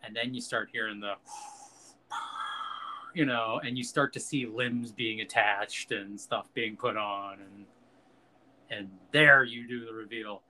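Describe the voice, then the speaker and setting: Bright-voiced man riffing casually. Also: lowish voice, fairly even intonation, measured pace, pauses often, slight background noise. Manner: loose, profane, laughs at own jokes. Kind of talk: casual film chat.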